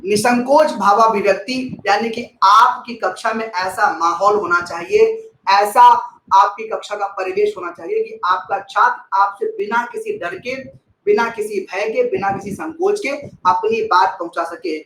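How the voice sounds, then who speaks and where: A man teaches a live online class in a bright, high voice, stressing his points and repeating them. He stops to thank viewers from the chat by name. The sound is roomy and echoey, with a faint hiss behind. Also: animated, moderate pace.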